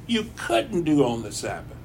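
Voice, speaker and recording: Folksy preacher man, slightly high voice. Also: sing-song, unhurried, gravelly, darkish tone, a little hiss or hum. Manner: folksy, repeats phrases for emphasis. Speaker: pastor. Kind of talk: conversational sermon. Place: church.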